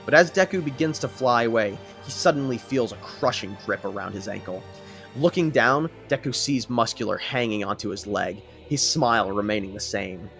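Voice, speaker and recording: A man narrating a fan story in a dramatic, lively way. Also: lowish voice, normal speed, vocal fry, soft background music.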